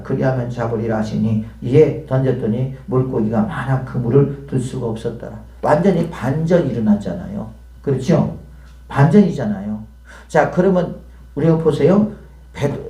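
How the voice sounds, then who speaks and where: A man's voice: mid-range voice, warm tone. A man preaching a sermon as pastor, talking conversationally and peppering the congregation with questions. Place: church hall. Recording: echoey church hall.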